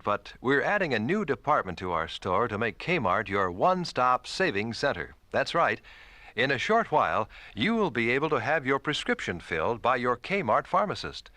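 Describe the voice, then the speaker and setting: A man as store announcer on a supermarket announcement, bright lively voice, dry close sound. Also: mid-range voice, no room sound. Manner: friendly, salesy announcer read.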